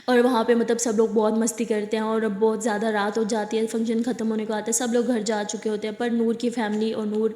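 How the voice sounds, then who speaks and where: A woman narrates a love story in a chatty, casual way, dropping jokey asides. Her voice sits fairly high, and the room gives it a long, echoing reverb. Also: little pitch movement, few pauses, mellow.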